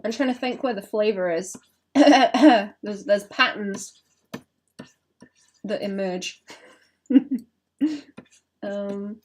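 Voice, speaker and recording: A woman's voice: mid-range voice, fairly even intonation, drawn-out words, long pauses. Chatty woman thinking aloud. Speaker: illustrator streaming live. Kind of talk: casual live-stream chat while drawing.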